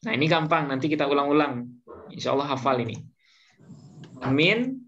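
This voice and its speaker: A man's voice: fairly high pitch, moderate pace, fairly bright tone. A man teaching Arabic grammar to a class, patiently repeating each point and leaving gaps for students to finish his words. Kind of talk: slow classroom lesson. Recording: dull lo-fi recording, faint noise.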